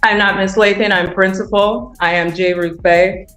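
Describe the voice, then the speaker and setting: A woman speaking as a defendant, halting and insistent, in a courtroom recording. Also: medium pitch, fairly even intonation, a bit bright, faint music behind, poor audio.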